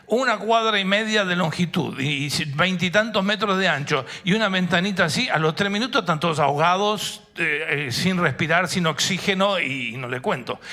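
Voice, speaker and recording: A man's voice: a little high, bright, forceful tone. A male pastor with an Argentine accent preaching a sermon in a church, often asking the congregation questions. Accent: Argentine Spanish.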